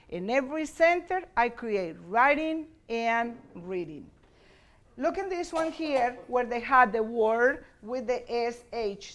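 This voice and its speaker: A bilingual woman teacher presenting. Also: fairly high pitch. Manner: explains classroom activities step by step, switching between English and Spanish. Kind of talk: conference presentation.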